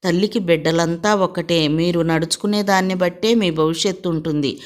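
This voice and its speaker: A gentle youngest daughter, quick with a reply yet soft and peacemaking, as a woman narrator puts her on. The voice is lowish and close to plain reading. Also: steady tone, lightly acted. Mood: pleading. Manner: soft, pleading, teasing.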